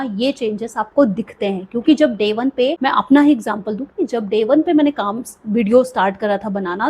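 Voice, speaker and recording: Husky young woman giving encouraging speaking tips. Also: a little high, warm tone. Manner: encouraging, conversational, frequent "theek hai" check-ins. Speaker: speaking coach, video creator. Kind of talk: motivational tips talk to camera.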